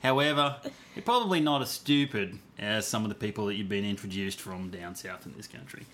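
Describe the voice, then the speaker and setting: A man's voice: lowish voice, a bit bright. A man from Australia with a mild Australian accent, co-hosting a podcast in casual, wry chat and laughing often. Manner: chatty, quick to laugh, wry asides. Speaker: podcast co-host.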